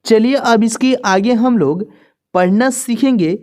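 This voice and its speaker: A woman's voice: fairly high pitch, a little slow, a little mellow. A woman teaching a beginner reading lesson, patiently naming each letter and repeating it for her viewers.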